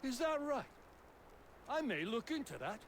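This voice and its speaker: An actor playing a polite, grateful colonial woodworker in a video game, speaking in formal period phrasing. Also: male voice, very high voice, sing-song, measured pace, a little hiss or hum, heavily acted. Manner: courteous, formal period speech.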